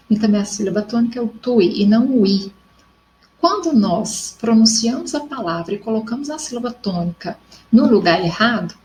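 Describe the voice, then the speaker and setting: A woman's voice: a little high, a little mellow, dull audio, slight background noise. A woman from Brazil teaching a recorded grammar lesson, explaining step by step and often checking in with her students.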